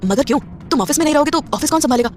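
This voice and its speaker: A woman voicing a composed, proud young businessman in a spoken audio story, in a slightly lower, quieter voice. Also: lively intonation, rapid-fire. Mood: thoughtful.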